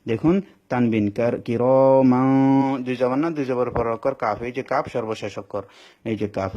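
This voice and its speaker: Man, Quran reading teacher, mellow dark voice, patient and repetitive, slow drawn-out recitation, dull lo-fi recording. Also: mid-range voice, fairly even intonation. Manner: patient, repetitive, asks and answers his own questions; stretches words into slow sung recitation. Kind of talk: step-by-step recitation lesson, spelling out letters.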